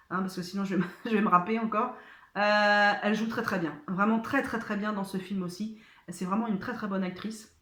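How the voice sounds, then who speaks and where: A woman's voice: mid-range voice, fairly bright tone. A woman chatting casually as she answers viewer questions, hesitant, with many fillers and restarts. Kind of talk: casual chat. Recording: echoey room.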